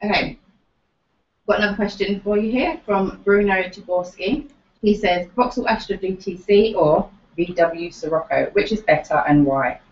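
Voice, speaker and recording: A woman's voice: mid-range voice, moderate pace. A British woman, a producer informally reading out questions sent in by viewers. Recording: roomy, slightly dull off-camera sound.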